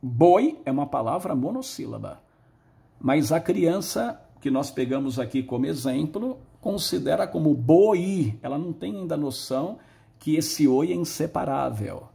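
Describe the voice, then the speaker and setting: A man's voice: a little high, gravelly, mellow. A male teacher giving a patient, explanatory lesson and drawing out words when he models them. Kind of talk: recorded lesson on early literacy.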